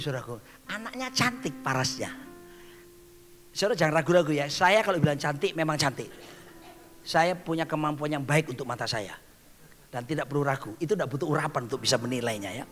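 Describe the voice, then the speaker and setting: Animated high-voiced male preacher. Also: long reverb tail. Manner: animated storytelling, often calls out to the congregation. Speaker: pastor. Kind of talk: sermon.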